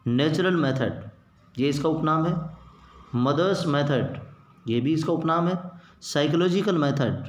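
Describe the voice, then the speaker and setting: A man's voice: on the high side, slight background noise. A man giving an exam-prep lecture as an English teacher, explaining in Hindi mixed with English terms and repeating points for emphasis. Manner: reads English quotations slowly, then glosses them. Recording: echoey room.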